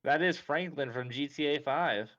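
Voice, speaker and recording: A man's voice: on the high side, moderate pace, bright, forceful tone, no room sound, muffled recording. A man hosting a casual quiz game among friends, reading quotes and keeping score. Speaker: quiz host.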